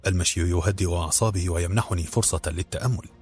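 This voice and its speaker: A man narrating a novel in the first person, steady and brisk, over faint background music. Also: deep voice, slightly rough. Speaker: audiobook narrator.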